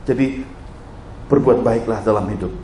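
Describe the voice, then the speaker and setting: A man's voice: fairly low pitch, normal speed, slight background noise. A middle-aged man, preaching a sermon and telling stories to his congregation, often speaking to them directly. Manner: animated storytelling, addressing the congregation directly. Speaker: pastor. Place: church hall. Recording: roomy church hall echo.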